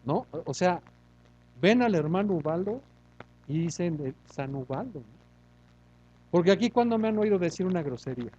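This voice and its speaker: A man pastor preaching a sermon, lively and full of rhetorical questions and self-mocking humor. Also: high voice, moderate pace, long pauses, muffled recording.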